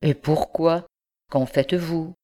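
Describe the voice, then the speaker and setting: Brief: woman reading as a polished, insistent young gentleman, low-pitched and slow. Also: fairly even intonation. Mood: suave. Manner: courteous, then urgent and driven. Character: young nobleman scholar, ambitious and insistent.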